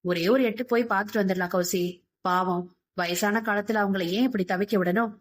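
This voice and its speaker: A woman voicing a gentle middle-aged husband and father who talks in a soft, coaxing, pleading way. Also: medium pitch, fairly even intonation, fairly quick, natural voice.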